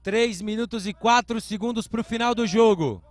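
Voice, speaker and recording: Brazilian male sports commentator, high voice, clipped explanatory announcer phrasing, dry recording, live American football coverage. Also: normal speed, no echo.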